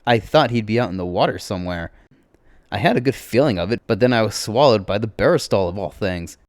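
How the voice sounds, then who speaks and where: A man narrating a story in the first person, expressive, with his voice jumping up on exclamations. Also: fairly low pitch, brisk, no room sound, studio quality.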